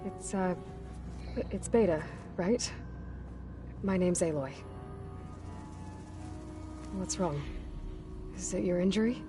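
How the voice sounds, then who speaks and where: A woman's voice: on the low side, slow pace, pauses often. A woman voicing a determined, curious young hunter-heroine in a video game, speaking earnestly over game music. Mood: inquisitive. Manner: earnest, questioning. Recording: game audio with background music.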